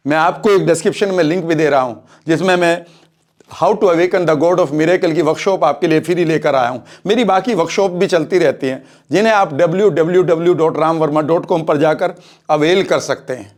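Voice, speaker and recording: A man's voice: a little high, a little fast. A man explaining a home recipe step by step, checking in with the viewer as he goes and mixing English phrases into his Hindi. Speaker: wellness coach.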